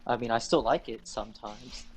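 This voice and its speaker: A man's voice: mid-range voice, moderate pace, very noisy. A young man co-hosting a podcast, chiming in offhandedly in casual chat while half distracted. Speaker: podcast co-host.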